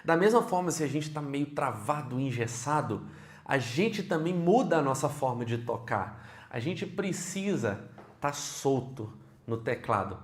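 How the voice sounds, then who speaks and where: Speaking at medium pitch and a little slowly, a Brazilian Portuguese-accented man gives an online keyboard lesson, recorded with a roomy sound. He addresses the viewer directly with energy and frequent questions.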